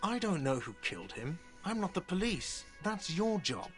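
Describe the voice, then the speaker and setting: Whiny, lively-pitched café manager. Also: male voice, normal speed, soft background music. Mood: dismissive. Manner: impatient and dismissive. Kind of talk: video game voice acting.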